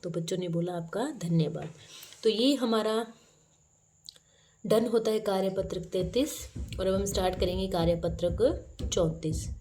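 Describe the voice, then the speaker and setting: A woman's voice: medium pitch, moderate pace, mellow, slight background noise. A woman teacher going through workbook grammar exercises, reading each question aloud and then explaining the answer.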